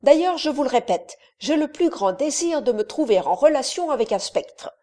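A woman's voice: sits high, expressive, moderate pace, warm tone, voice pushed up. A woman reading as a bold, curious nobleman. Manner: eager, emphatic, courteous. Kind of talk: audiobook character reading.

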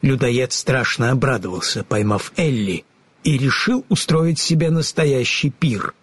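A man narrating a children's fairy tale in an expressive, lively reading. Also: mid-range voice, a little slow, husky. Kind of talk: storybook narration.

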